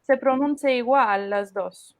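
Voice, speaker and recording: Woman co-teacher, tentative and reflective delivery, higher voice, dry close mic. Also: takes it slowly, no echo, phone-quality sound. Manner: hedging, thinks aloud, invites correction. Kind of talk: casual class discussion.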